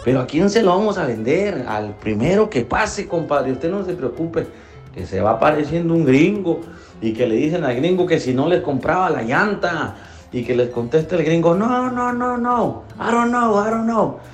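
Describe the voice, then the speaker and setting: A man's voice: on the high side, lively intonation, normal speed, a little mellow. A man telling a joke, his voice rising and falling as he acts out each character. Faint music plays underneath. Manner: storyteller voicing the characters.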